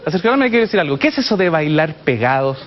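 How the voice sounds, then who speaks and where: Chilean guy doing stand-up, high voice, muffled live recording with loud crowd noise. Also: sing-song, racing. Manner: mocking, sings song lines in exaggerated voices. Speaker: stand-up comedian. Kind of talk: stand-up comedy routine. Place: comedy stage before a live audience.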